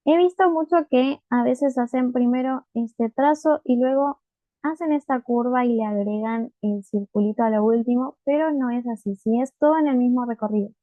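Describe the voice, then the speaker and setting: A woman's voice: on the high side, moderate pace, dry recording. A woman teaching a writing lesson, patient and explaining step by step, often checking in with her students. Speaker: Japanese teacher. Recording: dry, phone-like narrow sound.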